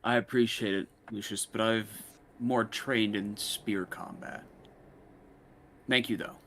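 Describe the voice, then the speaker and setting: A man's voice: fairly low pitch, steady tone, slow pace, fairly bright tone. A man playing a tabletop role-playing game, talking casually and partly in character. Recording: clear background noise, keyboard typing.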